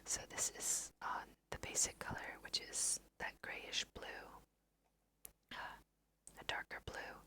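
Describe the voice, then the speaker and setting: Whispering softly, a woman narrates her game in ASMR style, unhurried as she thinks aloud and guides listeners along. She's a let's play host.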